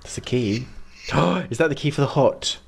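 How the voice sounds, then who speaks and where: A man with a Mancunian accent, streaming a game and chatting to his viewers, excitable and dramatic, jumping from squeals to mutters. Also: mid-range voice, moderate pace. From Manchester, England. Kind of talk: casual game streaming chat.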